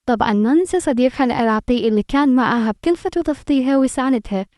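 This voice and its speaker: A woman's voice: high voice, animated, racing, darkish tone. A woman reading a scripted tribute narration about a celebrity.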